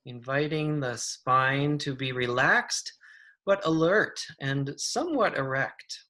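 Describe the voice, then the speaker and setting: Gentle instructions come slowly from this mid-pitched meditation guide, whose soft, calming manner allows long silences between each one.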